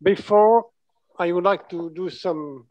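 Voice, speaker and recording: Brief: man with a French accent, fairly high voice, halting conference talk, dull call audio. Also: darkish tone. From France. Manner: halting, self-correcting, searching for words. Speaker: surgeon presenting a case. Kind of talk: conference presentation. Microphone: video call.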